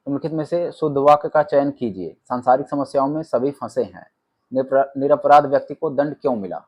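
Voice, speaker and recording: Husky man rattling off quiz answers. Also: mid-range voice, brisk, highs cut off. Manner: reads options, then states the answer flatly. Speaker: exam coaching teacher. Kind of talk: rapid-fire quiz answer walkthrough.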